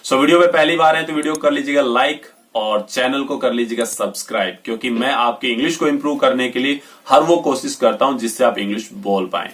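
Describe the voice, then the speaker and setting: A man with an Indian accent teaching English pronunciation, slowing down to stress each example sentence. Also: medium pitch, a bit bright, recorded from a distance. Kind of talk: pronunciation lesson.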